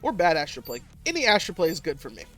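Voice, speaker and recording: A man hosting and casting an amateur online game tournament, laughing often and jumping up in pitch when excited. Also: quick pace, faint music behind. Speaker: tournament host and caster. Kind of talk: casual esports commentary.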